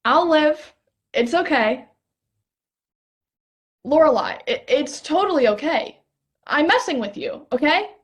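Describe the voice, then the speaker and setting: A woman's voice: high-pitched, expressive, takes it slowly, pauses often. A young woman acting a playful, curious stargazer in a stage play reading, teasing and eager. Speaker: actor in a rehearsed play reading.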